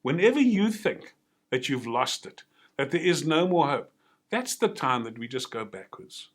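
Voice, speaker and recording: A man's voice: fairly high pitch, big pitch swings, moderate pace. Guy doing a motivational talk for teachers, earnest and encouraging, tells stories. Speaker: motivational speaker.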